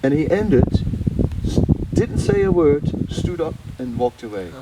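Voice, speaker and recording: A man telling his life story to an audience as an animated storyteller who often laughs and pauses with fillers. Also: a little high. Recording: noisy live talk recording.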